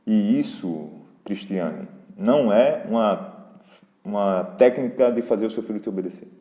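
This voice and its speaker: A man with a Brazilian accent, hosting a live parenting Q&A in a relaxed, conversational way and talking straight to his viewers. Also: lowish voice, normal speed. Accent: Brazilian Portuguese. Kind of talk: casual live Q&A talk. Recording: roomy hall echo.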